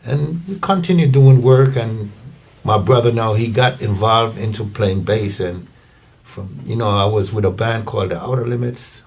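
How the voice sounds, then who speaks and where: An older man with a Jamaican accent, a guest singer telling his story in a relaxed, rambling way in an interview. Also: fairly low pitch, moderate pace, breathy edge. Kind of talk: casual interview.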